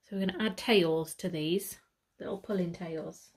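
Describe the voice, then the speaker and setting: At a moderate pace, a British woman with a lowish voice demonstrates sewing step by step. She keeps it casual and chatty, voicing her thoughts and correcting herself while she works.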